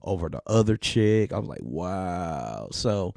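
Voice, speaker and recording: A man co-hosting a comedy podcast, telling a story in a loose, animated way and acting out other people's lines. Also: low-pitched, unhurried, gravelly, no echo. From United States. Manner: animated storyteller, acts out voices of callers. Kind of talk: casual storytelling chat.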